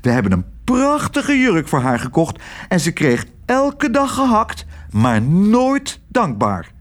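A fussy older aunt, prim and condescending, speaking in a high, lifted voice. A man puts her on while reading a children's story aloud. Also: wildly swooping pitch, slow pace, full character voice.

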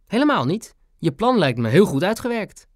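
A man voicing a cheeky, scheming old grandmother in a storybook reading, high and spirited. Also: big pitch swings, moderate pace, dry recording, studio quality. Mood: eager.

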